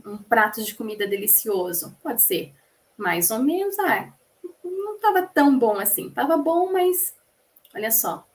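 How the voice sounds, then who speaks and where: A woman voicing a lecture for a class, explaining patiently, asking the listeners rhetorical questions, and pausing to restart phrases mid-sentence. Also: mid-range voice. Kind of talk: spoken lecture rendering.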